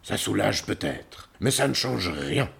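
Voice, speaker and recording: A sulky, growling lion in a children's story, lonely and quick to anger, as a man puts him on. His voice is deep and gravelly, with a husky edge. He speaks slowly. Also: very animated, a bit bright, exaggerated voice. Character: grumpy lonely male lion, king of animals.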